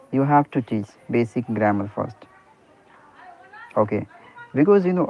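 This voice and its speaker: A private teacher with a mid-range voice talks on a tinny line in an English speaking practice session. His first language is Hindi; earnest in manner, he keeps repeating "okay" and "you know" and begins sentences again.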